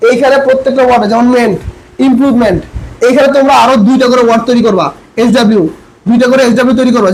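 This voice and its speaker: A man's voice: very high-pitched, darkish tone, low-quality recording. A man with a Bangladeshi Bengali accent teaching an online English grammar class, asking students questions and repeating key points. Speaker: admission coaching lecturer.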